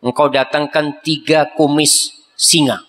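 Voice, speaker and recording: Preacher voicing a wise old sheikh. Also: male voice, a little high, fairly even intonation, measured pace, fairly bright tone. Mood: calm. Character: wise old male sheikh, calm and amused. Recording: long echoey hall reverb.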